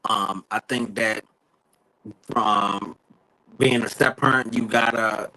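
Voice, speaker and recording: A man speaking as a remote panel guest over a call connection that breaks up and sounds choppy, thinking aloud in a measured way. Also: lowish voice, steady tone, sharp tone, poor audio. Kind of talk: casual discussion.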